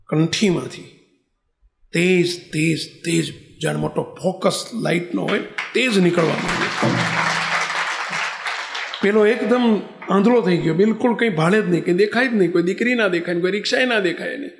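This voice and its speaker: High, gravelly-voiced preacher telling a story. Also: male voice, moderate pace, pauses often, a crowd in the background, background noise. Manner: animated, vivid storyteller. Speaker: spiritual leader. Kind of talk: devotional storytelling sermon. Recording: echoey hall.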